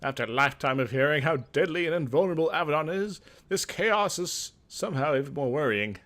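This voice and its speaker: In a gaming video, a male host with a fairly high, fairly bright, expressive voice talks briskly. Dramatic narration of game text alternates with casual, hesitant asides that tend to ramble.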